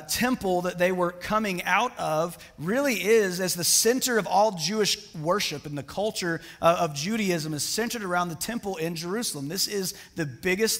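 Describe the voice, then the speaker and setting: A man's voice: sits high, fairly bright tone. Casual male pastor in a reverberant hall. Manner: casual, conversational preaching with many restarts and fillers. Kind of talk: sermon. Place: church sanctuary.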